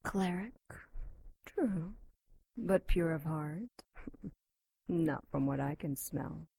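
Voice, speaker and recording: Lilith, a woman playing a breathy, mocking demon. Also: sits low, animated, dark tone, dry recording, full character voice. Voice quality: breathy, often whispering. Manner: slow, teasing, mocking delivery. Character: seductive taunting female demon, captive and mocking. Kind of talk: audio drama acting.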